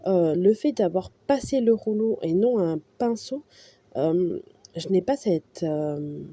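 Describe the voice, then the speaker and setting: Woman, very dark mellow voice, dry close sound, hesitant craft tutorial narration, lots of fillers. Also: lowish voice, lively intonation, slow pace, husky, dry recording. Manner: hesitant, many fillers and restarts. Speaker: art journal crafter.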